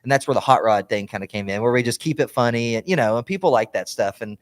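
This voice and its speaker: A man's voice: medium pitch, quick pace. A young man co-hosting a podcast in casual chat, rambling with lots of fillers and restarts. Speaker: podcast co-host.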